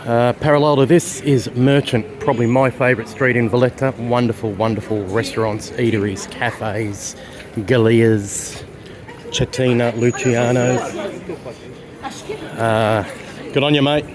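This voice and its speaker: A travel vlogger from Australia, speaking with an Australian accent, casually narrates an outdoor city walking tour in a chatty, rambling style full of fillers. He's medium-pitched with fairly even intonation and a slightly slow pace, with crowd and street noise behind him.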